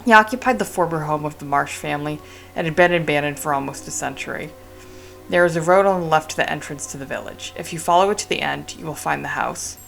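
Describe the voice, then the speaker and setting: A woman reading aloud the lines of a talkative male village priest from a game, in a measured way. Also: deep voice, gravelly, a bit bright, faint music behind. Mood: calm.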